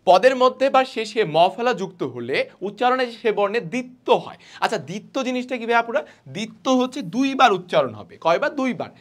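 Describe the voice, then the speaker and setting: Young man, high voice, online class, answers his own questions, repeats example words. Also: sing-song, a little fast. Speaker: teacher.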